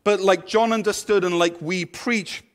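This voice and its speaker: A man's voice: high voice, fairly even intonation, normal speed. A man, preaching a sermon to his church in a conversational, playful way. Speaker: pastor.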